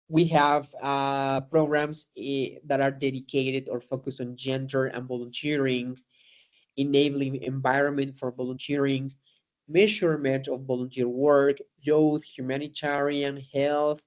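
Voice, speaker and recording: A man whose first language is Spanish gives an informal lecture in English to students, full of fillers, restarts and "no?" tag questions. His voice is mid-range and a little mellow.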